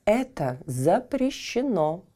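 A woman's voice: mid-range voice, very animated, slow, warm tone. A woman voicing a stern, regal Queen of Night in a children's audio tale, warning a boy away from a door. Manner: stern and commanding, turning coaxing.

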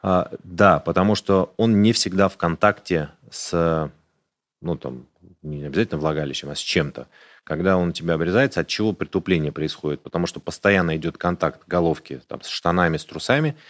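A man's voice: low voice, a little fast. A man, a urologist, explaining medical matters in a casual podcast conversation, matter-of-fact and detailed. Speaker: urologist guest.

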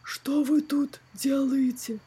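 A woman's voice: high-pitched, steady tone, takes it slowly, warm tone, pitched above the performer's own voice. A woman voicing a stern, menacing male town guard who questions sharply in a storybook reading.

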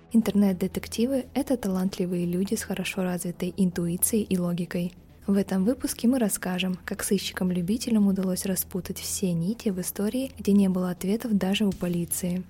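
A woman narrating a scripted true-crime podcast as its host, in a measured storytelling read. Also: fairly low pitch, warm tone. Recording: music behind the voice. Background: background music.

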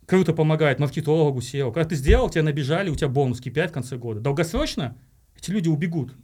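A man's voice: fairly high pitch, rapid-fire, a little mellow. A man from Uzbekistan, a marketing director, talking as a podcast guest and explaining his views at length, often calling his listeners "guys". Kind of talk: casual interview talk.

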